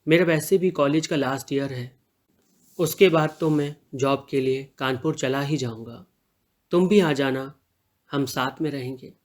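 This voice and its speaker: A man's voice: mid-range voice, measured pace, natural voice. A man reading the part of a lovestruck young male college student in an audio story, earnest and pleading. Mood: affectionate.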